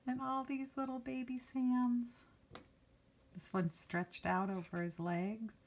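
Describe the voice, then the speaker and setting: A woman with a fairly high but fairly flat voice reads slowly from a picture book, like a teacher with a group of children. Indoors, with the book held before a handheld camera, she lengthens key words expressively and adds casual comments.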